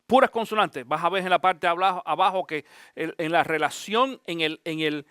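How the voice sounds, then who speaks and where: Man, pastor, Bible teaching, asks listeners questions, high voice, dry sound. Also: normal speed, sharp tone, clean tone, no room sound.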